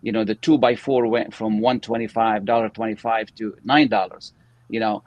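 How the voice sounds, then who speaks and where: A man's voice: fairly low pitch, flat delivery, moderate pace, darkish tone, dry recording, lo-fi sound. A man speaking earnestly in an interview discussion, repeating words as he thinks.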